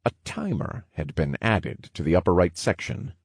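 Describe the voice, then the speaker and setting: A man narrating an audiobook in a measured, wry storytelling manner. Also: sits low, lively intonation, husky, dry recording, clean studio sound.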